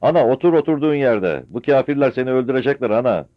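A man voicing a young male outlaw who shouts urgently, in a dull, dry old radio recording. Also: lowish voice, big pitch swings, fairly quick, no echo, pitched above the performer's own voice. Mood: shouting. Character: young male mountain outlaw, fierce and protective of his mother.

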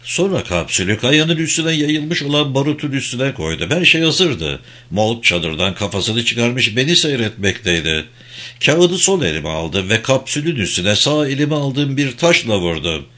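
A man narrating a first-person audiobook in an expressive reading style. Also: mid-range voice, moderate pace.

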